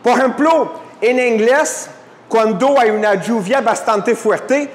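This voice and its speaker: High-voiced man teaching in an echoey hall. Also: slow. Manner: asks the class questions, drops English fillers. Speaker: Bible teacher. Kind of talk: lecture to a live class.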